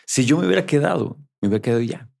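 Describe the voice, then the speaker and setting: A man's voice: medium pitch, rapid-fire, vocal fry. A man, a journalist guest in a casual interview, telling a story with animation and acting out the dialogue. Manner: animated, acts out quoted dialogue.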